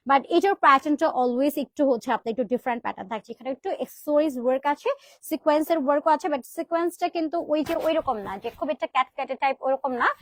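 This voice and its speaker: A woman's voice: sits high, racing, no echo. A young woman with a Bangladeshi accent presenting clothes on a live sales stream, chatty and sprinkling in English words. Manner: chatty, mixes in English words, calls viewers "sister".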